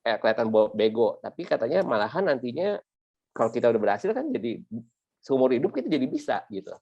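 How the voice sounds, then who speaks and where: A man's voice: medium pitch, very animated, quick pace, vocal fry, darkish tone, no room sound, highs cut off. A man hosting a casual chat, telling a story in a chatty way and acting out quoted asides. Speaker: host.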